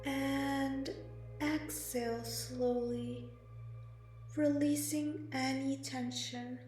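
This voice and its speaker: High-voiced woman, very slow soothing meditation guide, super echoey and a bit far off, music behind. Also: level tone. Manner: slow, soft and soothing, with long pauses. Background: meditation music and singing bowl.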